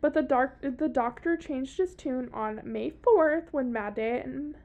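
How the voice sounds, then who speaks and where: A woman's voice: sits high, takes it slowly, darkish tone, dull audio. A woman with a Southern US accent co-hosting a podcast, telling a story casually in a blunt, sweary, sardonic way. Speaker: podcast co-host telling a true-crime story.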